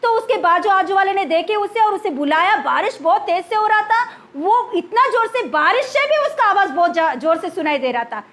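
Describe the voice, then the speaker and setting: A woman's voice: very high voice, moderate pace, hardly any pauses. A woman pastor telling stories in a sermon, frequently breaking in with hallelujahs. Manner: animated storytelling with repeated hallelujahs. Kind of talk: storytelling sermon.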